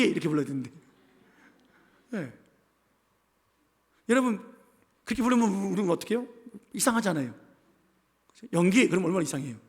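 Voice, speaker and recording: A man's voice: high-pitched, gravelly. A pastor from the capital region preaching a sermon with emphasis, leading the congregation in call-and-response and acting out the voices in his telling. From Seoul capital region. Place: church sanctuary, indoors. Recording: long reverb of a church sanctuary.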